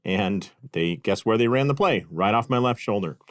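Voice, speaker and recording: A man's voice: fairly low pitch, lively intonation, moderate pace, dry recording, studio quality. A middle-aged man hosting a podcast, telling a casual story with self-deprecating humor and frequent fillers. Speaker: podcast host and clinic consultant. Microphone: podcast microphone.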